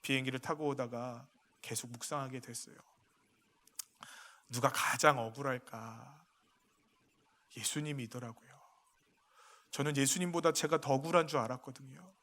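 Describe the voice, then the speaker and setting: A male pastor preaching a sermon in a church, rising to loud emphatic peaks and dropping to quiet confiding asides, with many questions put to the congregation. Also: mid-range voice, normal speed. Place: church sanctuary.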